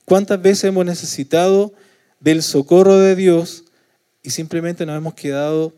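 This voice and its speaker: A Chilean preacher delivers a sermon in Chilean Spanish, his dark, mellow, clear and resonant voice sitting a little higher than a typical man's, with a steady tone and moderate pace. He often asks the congregation for agreement with short tag questions. Acting out prayers, he grows loud and pleading, then softens at the ends of his phrases.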